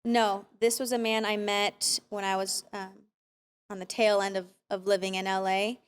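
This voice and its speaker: A woman's voice: medium pitch, little pitch movement, normal speed, clean tone. A woman in her thirties from Arizona, a podcast guest talking candidly and reflectively about her life and faith. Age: 30s. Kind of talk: casual conversation.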